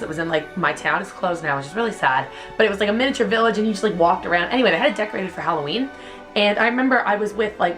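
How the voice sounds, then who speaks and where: A young woman, telling childhood stories in a casual, chatty vlog, filling her speech with "like". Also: lowish voice. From Canada. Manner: chatty, heavy use of "like", animated retelling. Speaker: vlogger.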